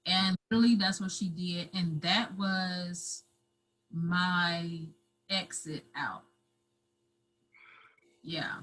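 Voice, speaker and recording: A woman guest telling her own story in an interview, halting and repeating herself, at times close to tears. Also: lowish voice, fairly even intonation, fairly bright tone, a little hiss or hum, low-quality recording. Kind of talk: emotional personal storytelling.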